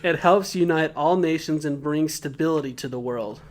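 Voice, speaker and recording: Podcast co-host, male, slightly high voice, casual laughing recap. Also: normal speed. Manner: laughing, joking recap of notes. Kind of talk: casual episode recap chat.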